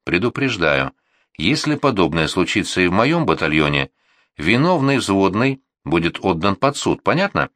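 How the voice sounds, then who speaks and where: A man's voice: deep voice, sing-song, normal speed, fairly bright tone, dry recording. A man voicing a stern army colonel who gives curt, threatening orders to his officers. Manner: clipped, commanding.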